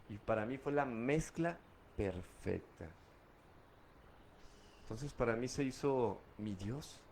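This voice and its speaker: Slight background noise surrounds a mid-range, slightly mellow male voice. The speaker, a middle-aged Guadalajara native with a Mexican Spanish accent, is a guest telling the frank, profane story of his former drinking in street slang.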